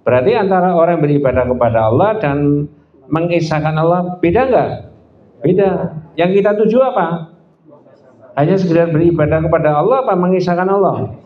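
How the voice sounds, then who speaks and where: A man with a Surabaya accent preaching a sermon, animated, quizzing his listeners with questions. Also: a little high, fairly quick, pauses often. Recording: echoey lo-fi hall.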